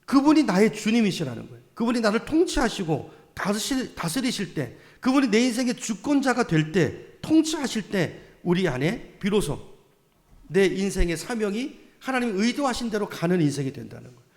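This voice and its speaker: A man preaching in a high, gravelly voice that carries a long church reverb. He keeps putting questions to his congregation and drives his points home with emphatic exhortation. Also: sing-song, normal speed. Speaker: pastor. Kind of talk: sermon. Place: church sanctuary.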